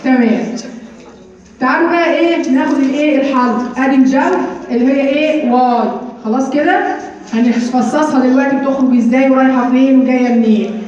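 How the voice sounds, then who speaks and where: A high-pitched Egyptian woman leads a classroom drill, repeating lists and answering her own questions with brisk, teasing energy. Her voice rings through a very echoey room and sits well back from the microphone. The recording sounds dull and muffled. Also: a little mellow, far from the mic. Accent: Egyptian Arabic. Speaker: Quran recitation teacher.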